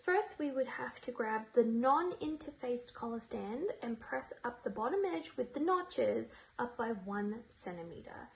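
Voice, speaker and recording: Lively high-pitched woman giving a craft tutorial. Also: unhurried, gravelly, slight background noise, low-quality recording. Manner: chatty, playful, talks viewers through each step. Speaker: sewing tutorial host. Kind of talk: informal step-by-step craft demonstration.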